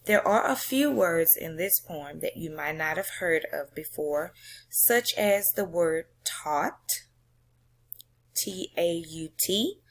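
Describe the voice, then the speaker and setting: A woman teacher with a fairly low, expressive voice explains a poem to her students, frequently checking in with "okay?" and "right?". She reads the poem itself slowly, drawing out words for emphasis, in this mix of poetry reading and classroom lesson.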